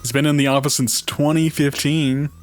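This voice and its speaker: A man playing a retro adventure game with friends, reading the on-screen text aloud in a plain, even voice. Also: a little high, normal speed, soft background music. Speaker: let's play player.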